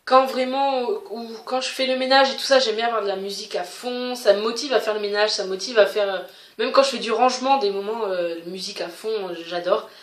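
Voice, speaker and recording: A woman's voice: mid-range voice, fairly bright tone. A woman vlogger chatting casually to camera as she answers a question tag, hesitant, with many fillers and restarts. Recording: roomy echo.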